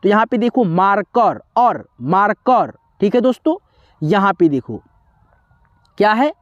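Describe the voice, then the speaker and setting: Slow, letter-spelling woman teacher. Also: medium pitch, sing-song, no echo, muffled recording. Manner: slow and repetitive, spells words out letter by letter, quizzes listeners. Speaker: English teacher. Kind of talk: classroom-style spelling lesson.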